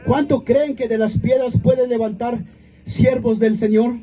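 A man's voice: extremely high pitch, steady tone, unhurried, mellow. A man giving an impassioned church testimony at an outdoor prayer vigil, calling out to the congregation like a preacher.

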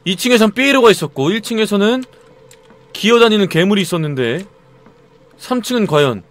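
A high-pitched man gives live commentary while he plays a horror game. His voice swings widely, from sudden startled shouts to low muttering to himself. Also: expressive, a little fast. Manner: jumpy, exclaims and mutters while playing.

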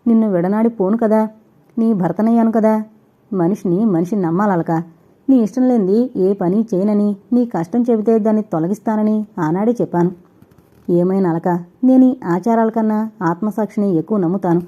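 A woman voicing an earnest young man who calmly reasons and pleads his love, read as an audiobook character. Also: medium pitch, normal speed, natural voice. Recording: dull lo-fi recording.

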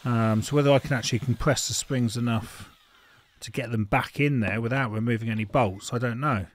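Working on a car in an indoor garage, this middle-aged man speaks at a brisk clip with a medium-pitched voice. He's a home mechanic thinking out loud, casual and frank, using fillers as he goes. Tool clicks and faint noise sit in the background.

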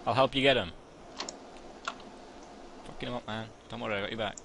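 A man in casual gaming commentary with loud, frustrated outbursts and constant swearing. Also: medium pitch, fairly even intonation, fairly quick, vocal fry. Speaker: gamer. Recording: noisy mic with keyboard clicks.

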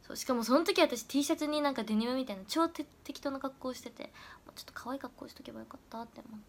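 Young woman, high bright voice, casual livestream chat, answers comments, slips into soft whispers, webcam mic. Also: very fast, vocal fry. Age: young adult. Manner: chatty, often dropping into soft whispers. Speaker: idol trainee livestreamer.

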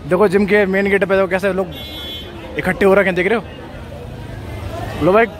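With a high, level voice at a normal pace, a young Indian vlogger chats casually to his audience while filming outdoors on his phone. He keeps calling them brother, raising his voice over a jostling crowd amid loud street noise.

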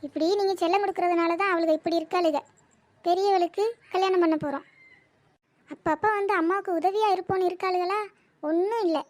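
Brief: fretful cartoon mum with three daughters, scolding tone, very high and light voice, a woman performing. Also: fairly even intonation, brisk, a little mellow, no echo. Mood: complaining. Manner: scolding, complaining. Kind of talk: animated cartoon voice acting.

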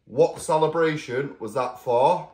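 A man's voice: fairly high pitch, a little slow. A man with a Mancunian accent from Manchester, casually hosting a family quiz at home in a playful, laughing way. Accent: Mancunian English. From Manchester, England. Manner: playful, laughing, slips into doting baby talk with the dogs. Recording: echoey room with background noise.

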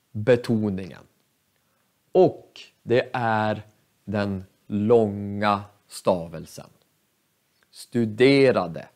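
A man teaching a pronunciation lesson, speaking slowly and carefully and repeating each example word for learners. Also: on the low side, darkish tone. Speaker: Swedish language teacher.

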